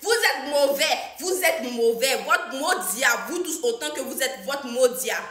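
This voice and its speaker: Woman, football fan, angry rant, exasperated scolding, high pitch. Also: lively intonation, moderate pace, fairly bright tone, reverberant.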